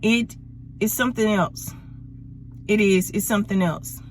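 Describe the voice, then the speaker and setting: Woman over forty, motivational vlogger talking from her car: slow, unhurried, winded, laughs between points. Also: medium pitch, steady tone, slight background noise. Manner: laughs often, drawn-out emphatic phrasing. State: a little out of breath. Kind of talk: casual motivational talk to camera. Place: parked car in winter.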